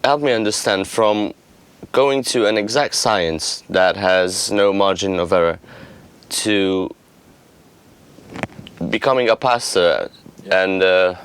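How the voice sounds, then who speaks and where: A man interviewing a guest, asking measured, probing questions. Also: low voice, smooth.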